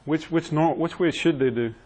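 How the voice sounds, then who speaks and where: A man's voice: fairly high pitch, normal speed, a little mellow, low-quality recording. A man teaching a classroom EMS training session, quizzing his trainees and joking with them. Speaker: EMS instructor.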